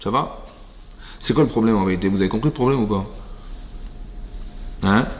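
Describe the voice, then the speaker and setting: A man's voice: on the low side, fast, a little mellow, slight background noise. A man giving a Torah class to women, reading verses and explaining them in a conversational way, often checking on his listeners. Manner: reads Hebrew verses then explains in French. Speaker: rabbi teaching a women's class. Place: synagogue hall. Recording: long reverb of a synagogue hall.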